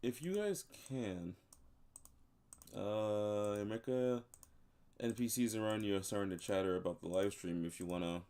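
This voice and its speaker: A man acting as game master, talking in a relaxed, hesitant way with many pauses. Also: lowish voice. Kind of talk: running a tabletop game over a call.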